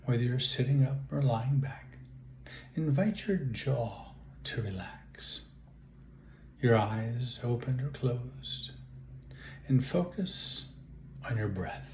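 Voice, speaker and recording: Faint background noise and a spacious echo surround a man leading a guided meditation. Speaking at medium pitch, this relaxation instructor delivers slow, calm guidance in measured phrases separated by long pauses.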